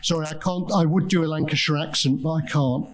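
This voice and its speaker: A man's voice: a little high, fairly even intonation, brisk, low-quality recording. A man giving an academic conference talk, telling a story with restarts and quoting other people. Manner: storytelling, with quoted voices and restarts. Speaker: conference speaker.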